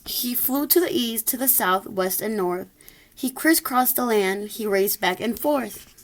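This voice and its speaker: A woman's voice: fairly high pitch, a little slow, slight background noise. A woman reading a rhyming children's story aloud expressively, occasionally stumbling over a word. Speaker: storybook reader.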